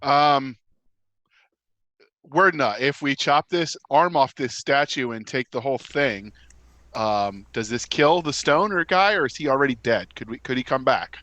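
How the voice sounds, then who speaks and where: A man's voice: medium pitch, a little slow, pushed and bright, no echo. A man chatting casually as a player in a tabletop game.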